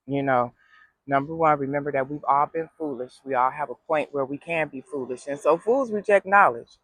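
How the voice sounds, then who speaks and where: A woman's voice: deep voice, moderate pace, no room sound, poor audio. A woman vlogging in a casual, heartfelt way, giving frank, folksy advice with some sass and a preachy streak. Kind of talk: casual heartfelt vlog talk.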